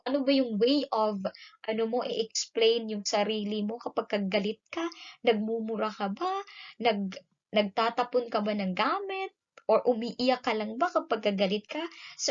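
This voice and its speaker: Filipino woman teacher, raised pitch, animated classroom delivery, muffled lo-fi recording. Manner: code-switching, frequent "no?" tag questions, lively emphasis. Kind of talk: classroom lesson.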